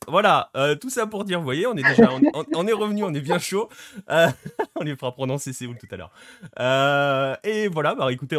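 A man's voice: medium pitch, fairly bright tone, no echo, studio quality. A man hosting a casual football show, rambling with many fillers and still with a sore throat after an illness. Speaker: host.

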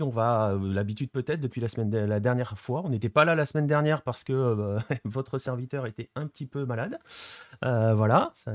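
A man's voice: medium pitch, no echo. A man hosting a casual football show, rambling with many fillers and still with a sore throat after an illness. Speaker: host.

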